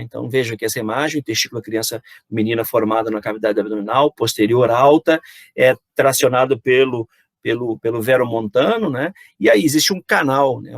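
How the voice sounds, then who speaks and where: A middle-aged Brazilian man lecturing on anatomy in a dry, close-miked recording. His pitch sits in a plain middle range. He explains step by step, constantly checking in with his students and posing questions that he answers himself. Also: dry recording. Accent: Brazilian Portuguese. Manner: explanatory, frequent "né?" and "então", rhetorical questions to students. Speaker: anatomy professor.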